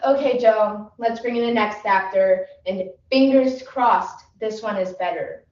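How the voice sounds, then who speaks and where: A woman's voice: medium pitch, unhurried, a little mellow, muffled recording, lightly acted. A young woman performing a prim, impatient casting director who gives clipped, dry instructions, heard in an echoey room from a distant mic. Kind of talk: competitive humorous interpretation.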